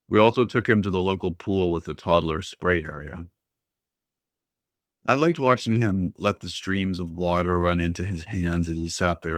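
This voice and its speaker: Deep-voiced guy narrating a storybook, dry close mic, calm and steady. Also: no echo. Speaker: audiobook reader. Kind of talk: scripted first-person narration.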